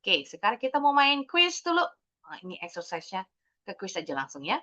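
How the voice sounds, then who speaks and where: Lively Indonesian woman teaching English. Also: medium pitch, a little fast, dull audio. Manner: explains patiently, mixes English words into her talk. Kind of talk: online class teaching.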